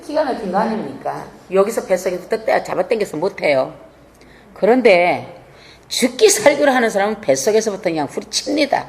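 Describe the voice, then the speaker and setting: A woman's voice: medium pitch, big pitch swings, a little fast, creaky. A woman pastor giving an emphatic, colloquial sermon.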